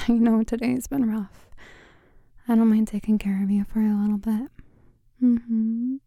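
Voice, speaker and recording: A young woman speaks in a hushed, breathy whisper that drifts into gentle low talk, tender and soothing throughout. Her voice is a touch high yet very flat and unhurried, with a deeply mellow, warm tone. The sound is dry and close, as if right beside the ear. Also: no room sound. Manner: tender and soothing, with quiet laughs. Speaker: ASMR creator. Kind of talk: ASMR girlfriend roleplay.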